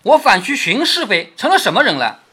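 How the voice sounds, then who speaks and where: A haughty young noble girl with a cold, scornful tone, read out by a man. The voice is bright and lively, slightly husky, rising and falling widely in a storybook reading. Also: very high-pitched, a little fast, heavily acted.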